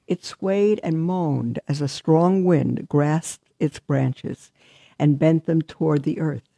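A woman's voice: low-pitched, takes it slowly, vocal fry, dry recording. A woman religious sister hosting a live show, chatting briefly and then reading a Christmas story aloud to her listeners. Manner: warm, chatty aside, then steady storytelling.

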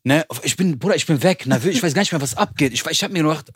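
A man's voice: on the high side, racing, husky, dry recording, studio quality. Young man telling a rambling story. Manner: rambling, animated, acts out quoted voices. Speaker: podcast co-host. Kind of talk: casual storytelling chat.

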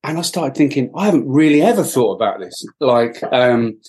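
Speaking at normal speed with lively intonation, a middle-aged man from Wales reflects on things as a podcast guest, often using fillers and restarting his sentences. His mid-range voice has a slightly mellow quality.

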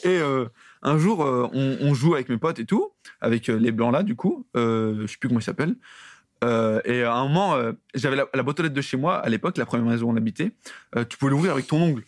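Fast-talking young man telling stories. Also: medium pitch, expressive, no room sound, studio quality. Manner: rambling with many fillers. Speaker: podcast co-host. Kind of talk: casual chat, storytelling.

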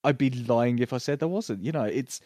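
A man's voice: medium pitch, no room sound, studio quality. Chatty man reviewing a TV show. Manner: animated, puts on quick voices when retelling scenes. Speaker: podcast co-host. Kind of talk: casual TV review chat.

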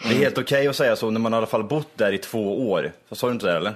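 A man's voice: fairly low pitch, animated. A man hosting a podcast, chatting casually and teasing as he goes. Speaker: podcast host. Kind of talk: casual chat.

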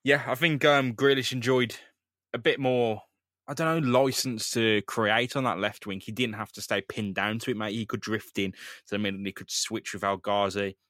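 Low-voiced football podcaster. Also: male voice, steady tone, normal speed, fairly bright tone, dry recording, studio quality. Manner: chatty, matey, teasing. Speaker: podcast co-host. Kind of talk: casual football chat.

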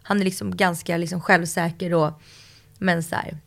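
A woman in casual chat, telling a story in a lively way and acting out quoted lines. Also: on the low side, creaky.

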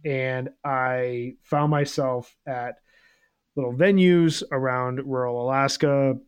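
A man's voice: medium pitch, fairly even intonation, slow, clean tone, no echo. A man in his thirties co-hosting a podcast, talking in a reflective, rambling way with many fillers. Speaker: podcast co-host. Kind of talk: casual podcast chat.

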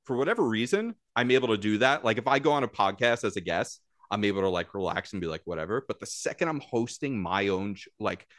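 A man's voice: on the low side, animated, a little fast, few pauses, fairly bright tone, dry recording, clean studio sound. Chatty man with a nasal host voice. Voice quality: nasal, upbeat presentation voice. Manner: loose and chatty, swears casually. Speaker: podcast host. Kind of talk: casual chat.

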